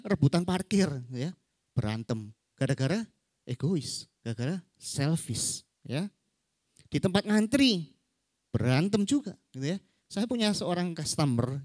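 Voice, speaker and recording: A preacher giving a conversational sermon at a church service, often tagging sentences with quick questions to the congregation. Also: mid-range voice, darkish tone, no echo. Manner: conversational, acts out stories, frequent tag questions.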